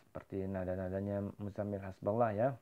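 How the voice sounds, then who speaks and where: A man's voice: lowish voice, level tone, phone-quality sound. A man with an Indonesian accent teaching Quran recitation to children in an online lesson, explaining plainly and asking questions he then answers. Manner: explains plainly, then chants verses slowly with rising and falling melody.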